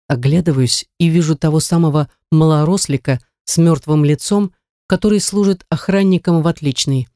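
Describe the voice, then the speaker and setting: An audiobook reader telling a first-person story in a measured, wry way, into a close mic. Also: mid-range voice, dark tone, dry recording.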